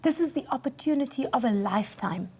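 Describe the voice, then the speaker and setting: A woman's voice: sits high, expressive, fast, darkish tone, slightly rough. A South African woman speaking as a blunt, stern talent show judge, giving critical feedback to contestants.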